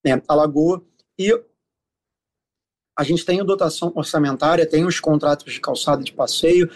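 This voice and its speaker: A man with a Carioca Brazilian accent giving explanatory interview answers as a city official, often pausing and repeating filler sounds as he searches for words. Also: on the high side. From Rio de Janeiro, Brazil.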